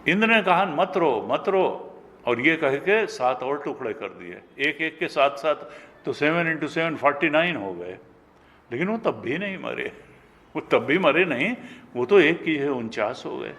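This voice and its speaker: Slow, higher-pitched older Indian preacher. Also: male voice, big pitch swings, a bit bright. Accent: North Indian Hindi. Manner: storytelling, acting out dialogue with rising pitch. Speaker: spiritual teacher. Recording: long hall reverb.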